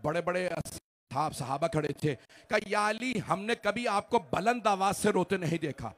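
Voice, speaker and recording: A man delivering a mourning sermon at a Shia majlis, swinging from hushed, grieving recitation to wailing, shouted lament. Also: sits high, expressive, normal speed, a little hiss or hum.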